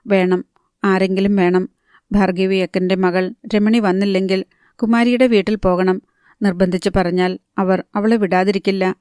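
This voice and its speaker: A woman narrator voicing a worried, caring middle-aged mother who asks quick questions, in a smooth, level reading voice. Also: mid-range voice, little pitch movement, a little mellow, no echo, clean studio sound, natural voice.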